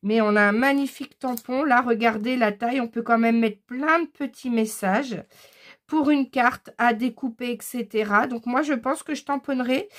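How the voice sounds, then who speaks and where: A woman chatting casually through a craft-supply haul, enthusiastic and full of hesitant fillers. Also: on the high side. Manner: enthusiastic about craft items. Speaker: scrapbooking vlogger. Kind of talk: casual haul chat, showing purchases.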